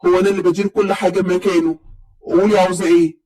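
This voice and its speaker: A man's voice: sits high, flat delivery, rapid-fire, a little mellow, distant mic, voice pushed down, lightly acted, rough recording. Woman putting on a curt, scornful young Upper Egyptian man. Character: brusque arrogant young male Upper Egyptian heir.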